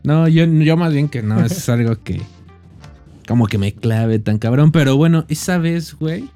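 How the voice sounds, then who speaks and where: A man's voice: a little high, moderate pace, dark tone, soft background music. A man with a Mexican accent co-hosting a podcast, speaking in laid-back, slang-filled casual chat. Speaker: podcast co-host.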